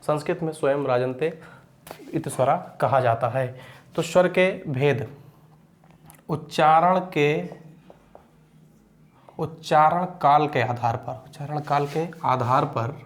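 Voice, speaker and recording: A young male teacher giving an exam-prep grammar lesson, repeating key phrases, checking in with listeners, and reciting rules slowly. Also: on the high side. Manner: recites Sanskrit sutras slowly.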